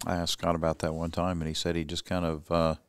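Low, gravelly man, plain baseball play-by-play, dry sound. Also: monotone, fast, no room sound. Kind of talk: casual play-by-play commentary.

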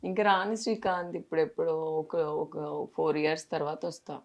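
A woman's voice: low voice, a little fast. A young woman vlogger, talking tenderly and coaxingly to a small child. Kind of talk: casual vlog chat.

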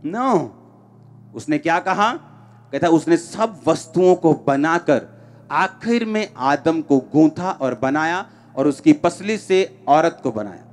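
A man's voice: on the high side, animated, takes it slowly. A man, preaching emphatically and firing rhetorical questions at a crowd in a large outdoor tent. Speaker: pastor. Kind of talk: sermon. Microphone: handheld microphone.

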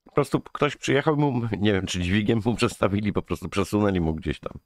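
A man from Poland with a fairly low voice hosts a relaxed interview, pausing to search for words with plenty of fillers. His voice sounds close and dry. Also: dry recording. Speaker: host. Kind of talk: casual interview.

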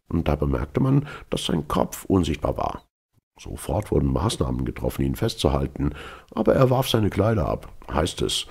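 A man's voice: rumbling low, creaky, a little mellow, breathy edge, full character voice. A man doing a gossipy old sailor. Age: older. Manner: assertive, storytelling. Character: older chatty sailor man, gossipy and probing.

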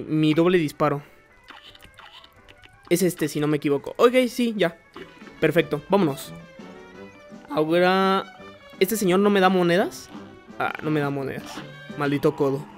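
A man giving gameplay commentary, excitable, yelping and swearing when he gets hit. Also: fairly high pitch. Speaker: gamer. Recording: faint music behind.

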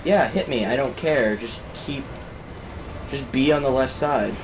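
A young man casually commentating a video game, excitable and swearing, shouting at the screen when things go wrong. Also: medium pitch, measured pace. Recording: noisy home recording.

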